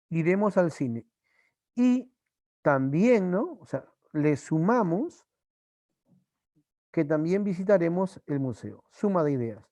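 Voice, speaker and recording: A Peruvian man teaches a language class online, slowly repeating example phrases and what his students answer. His voice sits a little high and sounds warm, with no echo in the room.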